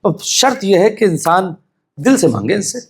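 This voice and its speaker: A man preaching a mourning sermon, swinging from hushed storytelling to shouted emphasis and often urging his listeners to pay attention. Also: high voice, sing-song. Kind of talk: Shia majlis sermon.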